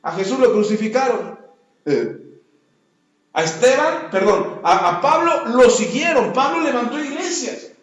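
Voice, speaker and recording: High-voiced pastor in an echoey hall. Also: male voice, unhurried. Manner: emphatic preaching, rising loud on key words then dropping low and soft. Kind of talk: sermon. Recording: echoey, dull lo-fi sound.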